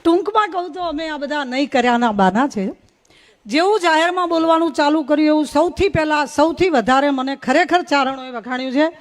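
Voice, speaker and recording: A woman's voice: sits high, brisk. A middle-aged woman from Gujarat, giving a humorous, folksy storytelling speech at a religious gathering. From North Gujarat. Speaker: guest speaker at a religious gathering.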